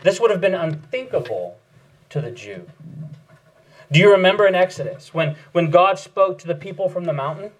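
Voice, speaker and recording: A man's voice: high-pitched, lively intonation, moderate pace, rough recording. A man preaching a sermon earnestly, asking rhetorical questions and repeating key phrases for emphasis. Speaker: pastor.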